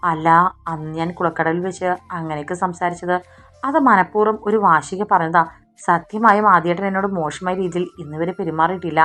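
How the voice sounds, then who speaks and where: A woman voicing an emotional, clingy young wife in a romance audiobook, speaking in a soft, pleading way. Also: on the low side, fairly quick, faint music behind, close to an everyday voice.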